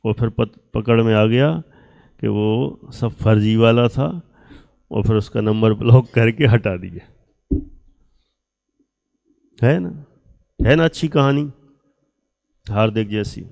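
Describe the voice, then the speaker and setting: Slow, gravelly-voiced male teacher. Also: lowish voice, darkish tone. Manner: slow, emphatic, asks students questions; acts out quoted speech of others. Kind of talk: classroom lesson to students.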